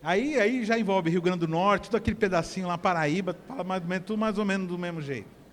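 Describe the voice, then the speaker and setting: A man, preaching in an animated, conversational sermon that builds to shouting. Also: high voice, fast. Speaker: pastor. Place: church hall. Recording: echoey church hall.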